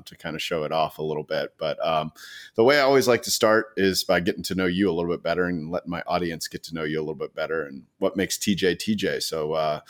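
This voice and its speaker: A man hosting a podcast, introducing the show and his guest. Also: low-pitched. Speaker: podcast host. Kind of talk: podcast hosting, scripted intro and casual welcome.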